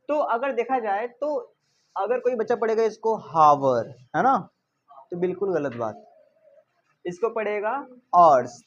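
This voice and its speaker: A man's voice: high-pitched, a little hiss or hum. A male teacher giving a grammar lesson, constantly asking rhetorical questions and repeating the key words, with a playful, chiding manner. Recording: dull lo-fi recording.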